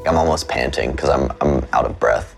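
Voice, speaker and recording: A young man recalling his illness in an interview, halting and searching for words. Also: a bass voice, vocal fry, music in the background. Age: young adult. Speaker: patient.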